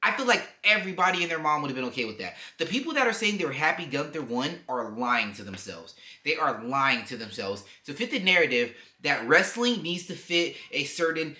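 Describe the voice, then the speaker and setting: A man's voice: a little high, big pitch swings, moderate pace, few pauses, bright, forceful tone. A young man ranting to camera about wrestling, heated and profane, with lots of emphasis. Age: young adult. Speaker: wrestling commentary vlogger. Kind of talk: opinionated rant to camera. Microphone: camera mic. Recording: echoey room.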